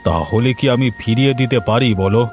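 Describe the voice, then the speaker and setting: A man voicing a wordy, fussy elderly village gentleman in a cartoon. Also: mid-range voice, lively intonation, fairly quick, over music, natural voice. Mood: assured, genial. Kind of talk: cartoon voice acting.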